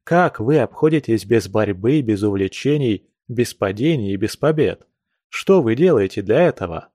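A man's voice: fairly low pitch, expressive, normal speed, dark tone, no echo. Man doing a fired-up young nobleman, urgent and preachy, dry close sound. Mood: earnest. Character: passionate earnest young nobleman, eager to argue. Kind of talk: audiobook reading of a classic novel.

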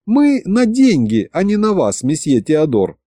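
A man's voice: a little high, wildly swooping pitch, normal speed, mellow, no echo, studio quality, pitched above the performer's own voice. Prim grumbling vampire lady, voiced by a man. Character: fussy female vampire courtier, sarcastic.

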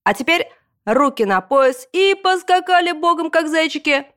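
Storybook: shrill, strict old PE teacher, voiced by a woman reader, barks commands. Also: expressive, fairly quick, no echo, clean studio sound, close to an everyday voice. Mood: barking. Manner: barking drill commands. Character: strict old female gym teacher, bossy and shouting.

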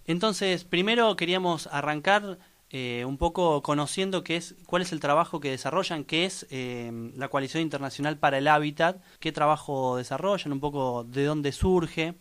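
A man hosts a community radio interview. His voice is smooth, resonant and fairly high, and his questions come with plenty of hesitant fillers. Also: normal speed, a bit bright. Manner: hesitant, many "eh" fillers and restarts.

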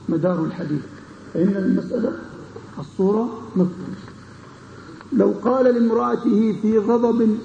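A man teaching a classical legal text to students, pausing often to check that they follow. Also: high-pitched, vocal fry, slight background noise. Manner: explains with repeated checking questions to students. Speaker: Islamic scholar teaching a text. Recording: dull lo-fi recording in an echoey room.

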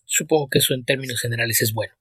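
A man co-hosting a podcast in casual chat, talking quickly with small restarts. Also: mid-range voice, a bit bright, slightly rough, dry recording. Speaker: podcast co-host.

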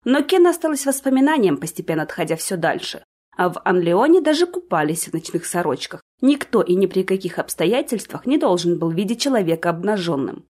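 A woman narrating a fantasy audiobook in a steady, even storytelling manner. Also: mid-range voice. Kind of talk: scripted narration.

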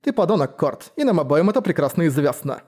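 A man's voice: on the high side, big pitch swings, quick pace, a little mellow. A male narrator voicing a cold, commanding woman who rules her estate, with an icy, stern delivery. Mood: cold quiet.

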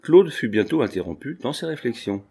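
A man's voice: medium pitch, slightly rough. Man narrating a classic novel. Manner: measured, expressive reading. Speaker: audiobook narrator. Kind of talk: scripted narration.

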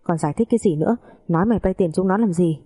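A woman voicing an enraged, stern father-in-law who shouts rebukes at his son, in a storybook reading. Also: fairly low pitch, racing, breathy edge. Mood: furious.

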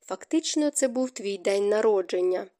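A woman voicing a gentle, remorseful middle-aged stepmother who speaks softly and tearfully. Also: medium pitch, lively intonation, moderate pace, lightly acted. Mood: sorrowful. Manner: soft, hushed, tearful delivery.

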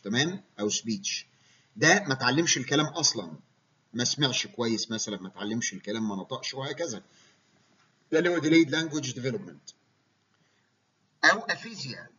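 Egyptian man lecturing fast, bright but husky voice, dull lo-fi sound. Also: mid-range voice. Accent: Egyptian Arabic. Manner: explanatory, checks in with listeners. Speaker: medical lecturer. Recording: dull lo-fi recording.

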